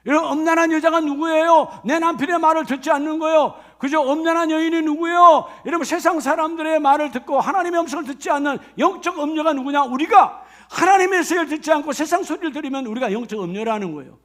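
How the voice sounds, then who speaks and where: A man's voice: very high voice, quick pace, a bit bright. A middle-aged male pastor, preaching a sermon with rising exclamations and questions to the congregation. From Gyeongsang Province, Korea.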